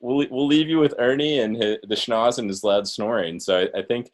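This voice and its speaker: A man co-hosting a fantasy baseball podcast, chatting casually and relaxed. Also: mid-range voice, moderate pace. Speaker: podcast co-host.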